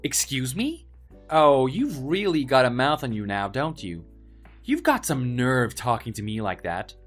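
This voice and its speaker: Male actor as arrogant rich young bully, animated pitch swings, mocking, pompous, story drama, music behind. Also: a little slow. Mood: mocking, threatening. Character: arrogant bullying young office heir, sneering and spoiled.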